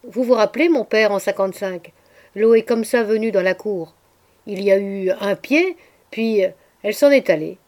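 A woman reading aloud and voicing a grown farmer son who calmly reassures his family in a raised, steady voice. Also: medium pitch, moderate pace, natural voice. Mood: reassuring.

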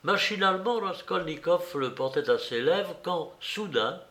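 A male narrator reading a classic novel in a slow, measured way. His voice sits somewhat higher than most men's. The reading echoes around a roomy space. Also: lively intonation, fairly bright tone. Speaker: audiobook narrator.

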